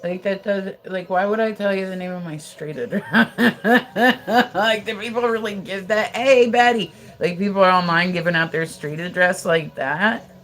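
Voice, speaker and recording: Chatting casually from her home livestream, an American woman gossips, curses, and leans heavily on fillers like "like" while answering viewers. Her mid-range voice is a bit bright, at normal speed with fairly even intonation, over soft background music.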